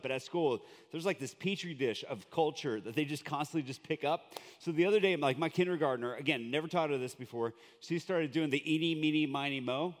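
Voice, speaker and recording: Speaking in a large church hall, a guest preacher from Colombia delivers a chatty, joke-filled conversational sermon loaded with fillers. His voice sits on the high side.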